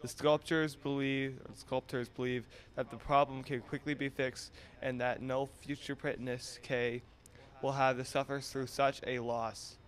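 A man's voice: medium pitch, flat delivery, measured pace. A young man reading a mock news report into a handheld mic.

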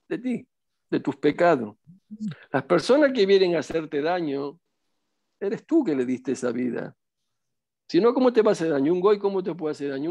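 Emphatic preaching rabbi, higher-pitched man. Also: darkish tone, lo-fi sound. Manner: emphatic, rhetorical questions, preacherly. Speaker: rabbi teaching. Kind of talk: religious lesson.

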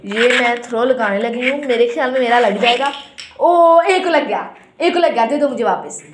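A woman's voice: a little high, a little fast, noisy background. A woman, casually narrating a family vlog as she plays a game with her child, teasing and playful.

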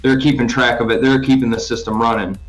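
A man's voice: medium pitch, fairly even intonation, fast talker, faint music behind. A man co-hosting a podcast, explaining things in a rambling casual way with lots of fillers and restarts. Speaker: podcast co-host explaining crypto. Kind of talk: casual chat.

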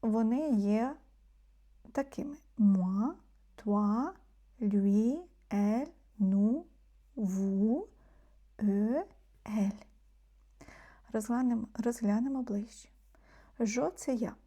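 Mellow-voiced woman teaching French. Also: a little high. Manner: explains slowly, repeating French words, often dropping to a soft murmur. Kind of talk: language lesson.

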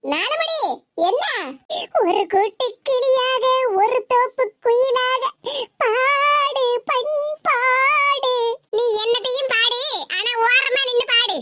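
A woman voicing a sharp-tongued, teasing village woman in a cartoon, with a Tirunelveli Tamil accent. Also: extremely high pitch, slow, dry recording, clean studio sound, heavily acted. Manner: teasing, mocking, laughs often.

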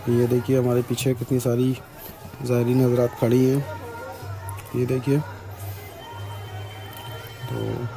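A young Indian man with a Farrukhabad Hindi accent vlogs a casual walking tour of a crowded, decorated shrine courtyard at night. His mid-range voice is gravelly, and he chats while pointing things out to viewers, filming on a handheld phone camera.

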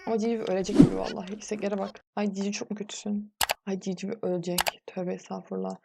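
A woman's voice: mid-range voice, flat delivery, quick pace, creaky, heavy background noise. A young woman casually commenting on her life-sim gameplay, chatting and scolding the characters on screen. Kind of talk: casual let's-play commentary.

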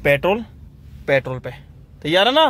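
A young man, an excitable car vlogger commentating a roadside drag race, repeating himself and calling everyone brother. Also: fairly high pitch, normal speed. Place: outdoors on a road beside cars. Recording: outdoor recording with loud car and road noise. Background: car engines and street noise.

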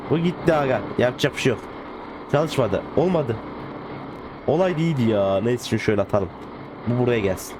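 A man giving casual gameplay commentary as a gaming video host, excitable and joking, playfully swearing and talking to the cars. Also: medium pitch. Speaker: gaming YouTuber. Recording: game car sounds in the background. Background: game engine and car noise.

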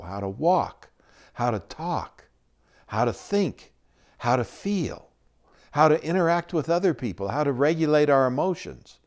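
Guy teaching slow and thoughtful, lots of pauses, voice swings up and down a lot. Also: medium pitch, a little mellow. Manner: measured and explanatory, with frequent pauses. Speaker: spiritual teacher. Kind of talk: reflective teaching talk.

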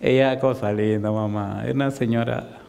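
A man preaching in a church hall, telling a story and jumping into higher voices for the people he quotes. His tone is dark and mellow. A long reverb trails behind his words. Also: moderate pace, creaky, a little hiss or hum. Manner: animated, acts out quoted voices with rising pitch. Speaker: pastor. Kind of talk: storytelling sermon.

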